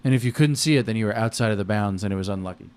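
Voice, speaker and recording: A man's voice: lowish voice, racing, a little mellow, clean tone. An American man in a casual, rambling chat, talking in slangy, profane language.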